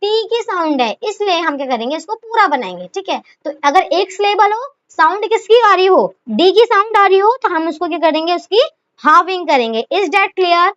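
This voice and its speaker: High-voiced woman teaching shorthand. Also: lively intonation, moderate pace, fairly bright tone. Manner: asks herself questions and answers them, repeats "okay"; addresses students fondly as children. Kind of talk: explaining a lesson. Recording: dull lo-fi recording.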